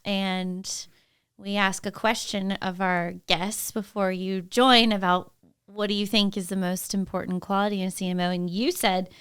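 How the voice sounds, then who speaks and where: A woman's voice: mid-range voice, little pitch movement, moderate pace, a bit bright, smooth, no room sound, clean studio sound. A woman hosting an interview podcast, upbeat and enthusiastic in casual chat. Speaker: podcast host.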